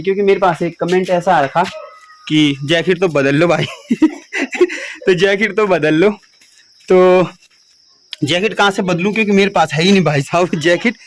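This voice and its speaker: A man's voice: sits high, a little hiss or hum. A young man, rambling casually about home and village life in his vlog. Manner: chatty, rambling, laughs at himself. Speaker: vlogger.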